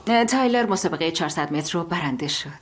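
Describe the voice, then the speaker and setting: A woman voicing a tired middle-aged mother in a dubbed drama, speaking softly and at times near a whisper. Her voice sits very low, with a faint noise under it. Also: expressive, close to an everyday voice. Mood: weary.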